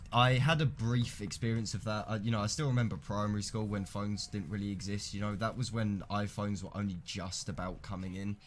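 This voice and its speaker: A man's voice: fairly low pitch, slight background noise. A nineteen-year-old British man live-streaming a game, chatting casually in a matey, rambling, sweary way.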